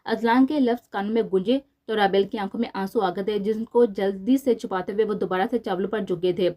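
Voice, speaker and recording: A woman's voice: mid-range voice, fairly quick, mellow. Woman reading a romance novel aloud. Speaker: novel narrator.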